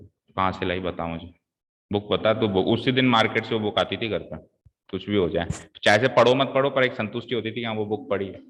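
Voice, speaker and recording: A man's voice: lowish voice, a bit bright. A man teaching a live online maths class, quizzing his students and coaxing them through each step patiently. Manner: quizzes students, calls them "beta" and "bhai". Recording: echoey room, dull lo-fi sound.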